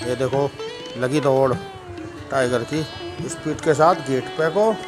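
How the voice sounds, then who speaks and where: A man's voice: mid-range voice, measured pace, music in the background. A man chatting casually at home, narrating his pet dog's antics and talking fondly to the dog.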